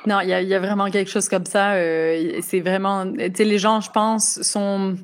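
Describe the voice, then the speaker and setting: A woman from France with a light Quebec touch in her French accent, chatting lively as an interview guest over a live online call. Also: mid-range voice, normal speed. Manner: lively, chatty, many fillers. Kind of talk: casual interview chat. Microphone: computer for a live online interview.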